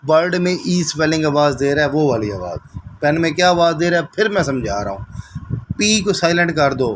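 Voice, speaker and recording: A man's voice: on the high side, sing-song, fairly quick, noisy background. Repetitive, drilling male shorthand teacher. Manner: explains step by step, drills by repetition, keeps checking with "okay". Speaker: shorthand instructor. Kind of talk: recorded classroom lecture.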